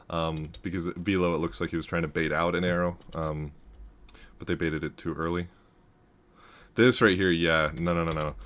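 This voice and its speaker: A man with a deep, low voice talks through a game replay in a loose, rambling way. He restarts his sentences, laughs often and gets loud when something excites him. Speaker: gaming commentator reviewing a match. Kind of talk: casual game analysis commentary.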